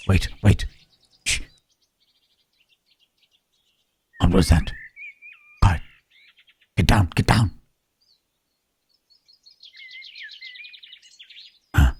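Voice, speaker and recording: Casting: gentle, sorrowful mountain monster, played by a man, deep and husky, halting formal delivery for intimate ASMR drama. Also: heavily acted. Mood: wary. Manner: halting, pensive, formal wording. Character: gentle, melancholy, lonely Frankenstein's monster in the mountains. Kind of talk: ASMR roleplay acting.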